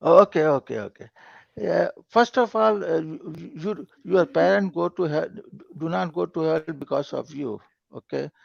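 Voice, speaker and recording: A man calling in to a live call-in show over a call line, speaking haltingly in simple, broken phrasing with many repeated words. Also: fairly high pitch, vocal fry, no echo. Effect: call-in caller heard over a lo-fi call line. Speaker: call-in caller. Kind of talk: casual debate on a call-in stream. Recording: dull lo-fi call audio.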